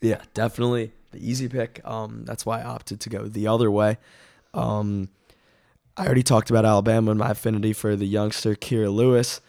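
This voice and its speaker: A man hosting a casual sports preview podcast, his voice raspy as he is under the weather with a cough. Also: fairly low pitch, level tone, brisk, a little mellow, no echo, studio quality.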